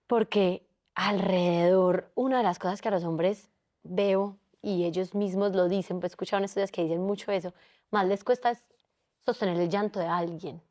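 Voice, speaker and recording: A woman's voice: on the low side, steady tone, normal speed, darkish tone. A woman, a psychologist co-hosting a casual interview, who talks animatedly and acts out the people she quotes. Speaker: psychologist, podcast co-host.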